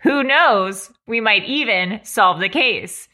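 A woman's voice: medium pitch, expressive, takes it slowly, sharp tone. A woman hosting a casual comedic podcast, with a nasal, stuffed-up voice. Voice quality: nasal, congested-sounding. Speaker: podcast host. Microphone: phone with headphones on a video call.

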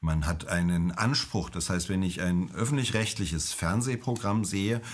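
A middle-aged man, an emergency doctor, answering interview questions in a calm, measured, explanatory way. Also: deep voice, a little hiss or hum.

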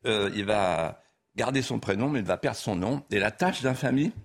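A man's voice: on the low side, expressive, normal speed. An older man, a guest author on a talk show, speaking hesitantly and repeating words as he tells a story.

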